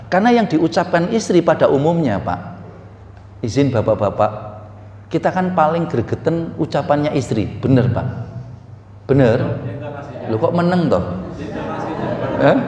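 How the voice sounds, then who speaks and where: Joking preacher. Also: male voice, fairly high pitch, a little mellow. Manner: joking, asks the audience questions. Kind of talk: sermon. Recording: echoey hall with reverb.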